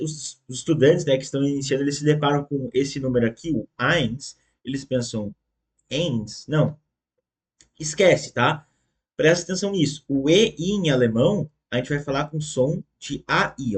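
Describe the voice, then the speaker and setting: A man teaching a German lesson online, slowly and patiently repeating words for the learner and checking in often. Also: fairly high pitch, expressive. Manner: ends phrases with checking tags.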